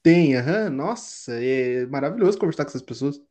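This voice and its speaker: Here a young Curitiba woman with a southern Brazilian Portuguese accent tells slangy stories in a relaxed chat. She speaks at a normal speed in a very deep, mellow, expressive voice. She's from Curitiba, in Paraná, Brazil.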